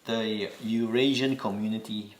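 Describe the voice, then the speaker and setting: A man's voice: lowish voice, steady tone, reverberant, a little hiss or hum. A man from Singapore with a Singaporean accent, giving patient step-by-step instructions in a home cooking demonstration. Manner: slow, patient instructions with repeated reminders.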